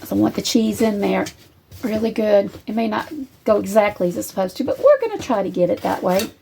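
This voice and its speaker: A woman's voice: mid-range voice, lively intonation, brisk, vocal fry, mellow, a little hiss or hum. Chatty woman cooking at home. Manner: rambling, chatty, addresses viewers as y'all. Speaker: home cook, channel host. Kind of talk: casual cooking demonstration. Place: home kitchen.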